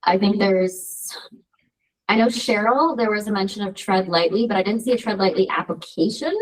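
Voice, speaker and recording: A woman's voice: mid-range voice, moderate pace. A woman running a video call meeting, picked up from far across a room so her voice sounds distant and echoey. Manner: organized, running the agenda. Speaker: meeting facilitator. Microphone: room mic far from the speaker.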